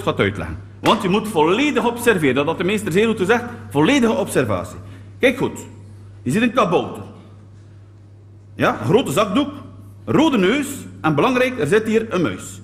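A man with a Flemish accent performing a stand-up monologue as a schoolteacher character, animated and digressive, always tagging his sentences with little questions. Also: high voice. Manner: animated and digressive, peppers talk with tag questions.

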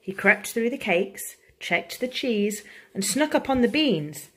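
A woman, a primary school teacher, reading a picture book aloud to children in an expressive, engaging way. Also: fairly high pitch, unhurried, slightly rough.

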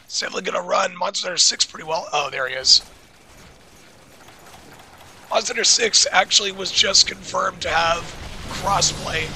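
A man with a hoarse, raspy voice chatting casually and self-deprecatingly as he comments on his own gameplay. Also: high voice, moderate pace, long pauses, sharp tone, slight background noise. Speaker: gaming video creator.

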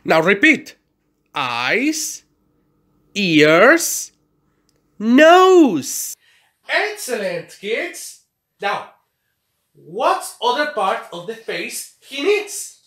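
Animated high-pitched man teaching young children. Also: takes it slowly. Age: young adult. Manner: animated, exaggerated, simple short phrases. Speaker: kindergarten teacher. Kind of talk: children's English lesson with repeat-after-me drills. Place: small indoor room. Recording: echoey small room.

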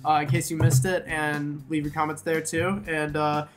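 Chatty young-sounding man, higher voice. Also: little pitch movement, normal speed, over music. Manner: chatty, lots of "like" and "you know". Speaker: round-table host. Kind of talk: casual panel chat.

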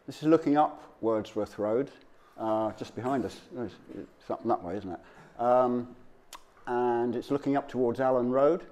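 The man's voice sits at medium pitch with a somewhat dark tone. Acting as a local history presenter, he walks an audience through slides informally, in a conversational, hesitant, off-the-cuff way.

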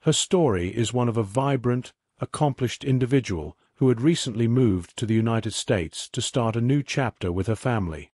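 A man reading scripted narration for an online mystery series in an even, measured documentary manner. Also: mid-range voice, slightly rough, dry recording, studio quality.

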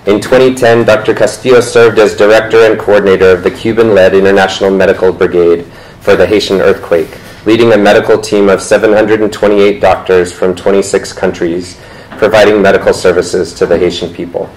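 Captured on a low-quality recording in an indoor lecture room, a man in his thirties serves as moderator for a talk. His low-pitched, darkish voice moves fairly quickly with fairly even intonation as he reads introductions of the panelists from notes, stumbling now and then and self-correcting.

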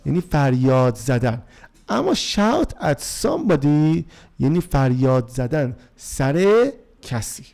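A man with a Persian accent, a Persian-speaking teacher explaining English vocabulary to students. He reads English sentences slowly and then translates them. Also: on the high side, sing-song, creaky, a little mellow. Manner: addresses the class as kids.

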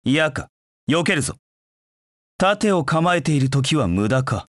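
A man's voice: fairly high pitch, very animated, a little slow, fairly bright tone, no room sound, studio quality. An actor playing a proud, cold hedgehog knight in a Japanese video game, curt and disdainful in his delivery. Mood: cool, watchful. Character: proud, cold anthropomorphic hedgehog knight, a brooding young male rival.

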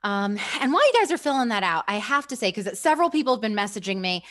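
A woman's voice: mid-range voice, sing-song, fast, fairly bright tone. A woman hosting a school webinar over a video call, chatty and upbeat, laughing often and using lots of fillers. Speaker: webinar host for school staff. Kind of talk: casual presenting on a video call.

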